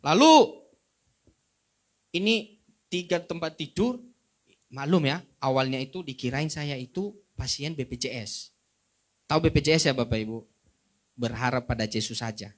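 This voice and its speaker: A male pastor gives a lively spoken testimony from the pulpit. He moves between hushed low passages and raised, high emphatic stretches, and turns to the congregation with dry humor. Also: moderate pace, pauses often. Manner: addresses listeners directly with wry humor. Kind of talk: sermon testimony told to a congregation.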